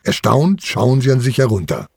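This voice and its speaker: A man's voice: medium pitch, very animated, moderate pace, gravelly, darkish tone, husky, no echo, clean studio sound. A man narrating a children's audio story as the children's uncle, in a storytelling manner.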